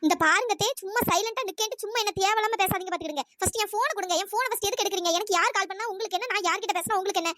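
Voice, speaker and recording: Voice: very high voice, racing, hardly any pauses, bright, forceful tone, a little hiss or hum. A performer voicing a defiant young woman in a cartoon story who snaps back indignantly.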